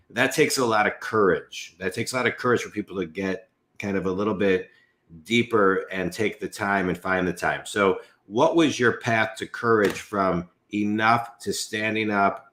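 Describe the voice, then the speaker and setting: A man around fifty hosts a business podcast in a casual, wandering way. His voice is somewhat low. He fills his thoughts with "you know" and "um" as he circles toward his questions. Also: fairly bright tone. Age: 50s. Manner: rambling, many fillers like you know. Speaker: podcast host and business coach. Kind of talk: casual interview chat.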